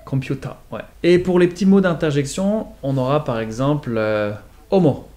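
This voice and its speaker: A man's voice: on the high side, expressive, moderate pace, dark tone. Man, patient explainer, casual lesson pace, demonstrates sounds. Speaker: accent teacher.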